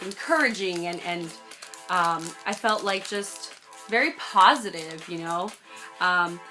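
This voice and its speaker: A young adult American woman vlogs to camera, telling a personal story in a bubbly, gushing, emphatic way. Her mid-range voice comes across bright and forceful.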